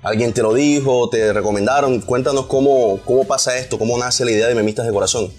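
A man's voice: mid-range voice, quick pace, darkish tone, husky. Male interview host, Barranquilla coastal accent, mid-range voice, informal delivery over faint music. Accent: Colombian Caribbean coast, Barranquilla. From Colombia. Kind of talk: casual interview hosting.

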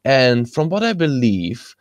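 A man's voice: mid-range voice, very animated, takes it slowly, no echo. A young man from the Netherlands chatting casually, hesitant with many restarts and a playful streak. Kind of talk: casual podcast chat.

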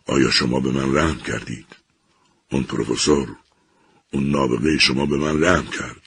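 A man voicing a lonely, bitter sentient machine that speaks slowly and gravely. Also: rumbling low, steady tone, fairly bright tone, slight background noise, exaggerated voice.

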